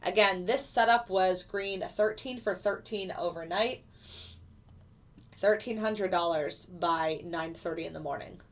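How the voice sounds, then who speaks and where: Stuffy-nosed woman with a lowish voice. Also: a little slow. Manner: casual, explanatory, with frequent fillers. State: stuffy nose from a lingering cold. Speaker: futures day trader streaming live. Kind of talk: live trading commentary answering chat.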